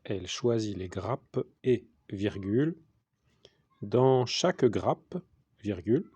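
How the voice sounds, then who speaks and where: A man dictating a text as a teacher, deliberately, in short repeated phrases with the punctuation spoken aloud. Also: on the low side, expressive, mellow, husky, no echo. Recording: dull lo-fi sound.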